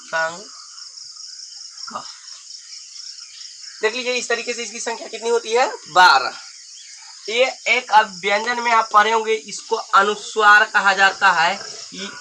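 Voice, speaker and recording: A man teaching a grammar lesson, explaining slowly and pointing at symbols one by one. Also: sits high. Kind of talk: Hindi grammar lesson at a board. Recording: noisy background with insects.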